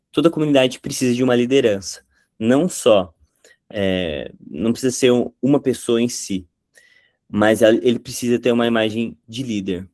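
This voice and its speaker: A man's voice: mid-range voice, a little mellow, no echo. Man teaching in a dry close sound. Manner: conversational, with quick impressions of catchphrases. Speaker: content creation teacher. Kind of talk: explanatory talk to camera.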